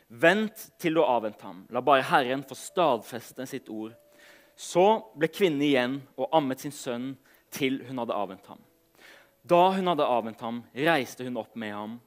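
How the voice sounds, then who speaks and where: A man preaching a sermon, reading scripture aloud and then talking casually with some hesitation, letting his phrase endings trail off softly. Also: medium pitch.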